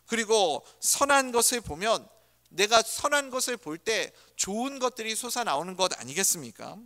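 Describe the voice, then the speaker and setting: A man's voice: high voice, very animated, moderate pace, bright, forceful tone. A male pastor preaching a sermon in a church, asking the congregation many rhetorical questions. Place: church sanctuary. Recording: church hall reverb.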